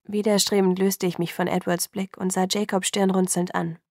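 A woman reads a first-person novel aloud with an even, steady delivery. Her voice has a gravelly edge and sits at a middle pitch. The recording is close and dry. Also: moderate pace, no room sound. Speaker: audiobook narrator. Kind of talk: scripted first-person narration.

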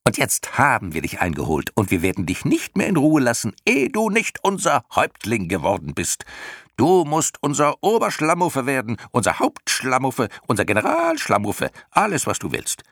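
A shrill screechy clown swarm, mocking, voice leaping all over, gravelly edge, dry sound. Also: male voice, huge pitch swings, moderate pace, fairly bright tone, no echo, full character voice. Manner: shrill, shrieking chorus, frantic and mocking. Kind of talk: audiobook character voice.

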